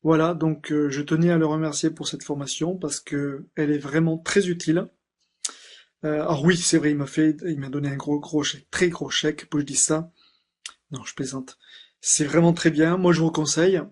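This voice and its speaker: A man's voice: a little high, fairly even intonation, normal speed, darkish tone. A man giving a casual, joking testimonial about a course, chatty with hesitant restarts.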